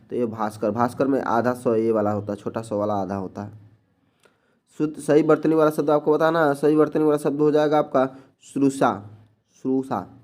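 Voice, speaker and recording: A man's voice: medium pitch, mellow. A man teaching an exam-prep spelling lesson, going through each answer plainly and often repeating words.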